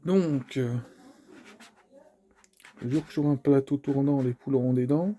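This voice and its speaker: Speaking unhurriedly in a mid-range, dark voice, a man chats casually through unboxing a collectible figure. He's at home with family heard in the background, rambling, repeating himself and making fun of himself.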